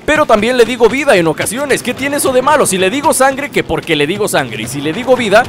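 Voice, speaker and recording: A man's voice: very high-pitched, big pitch swings, fast talker, slight background noise. A young man commenting on his gameplay in a playful, taunting way, with lots of exclamations. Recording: game music mixed loud under voice. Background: game music.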